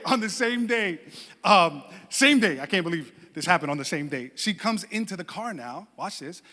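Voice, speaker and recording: A pastor telling a humorous story from the pulpit, animated and theatrical and at times shouting. His voice sits high and bright. It echoes through a reverberant church hall.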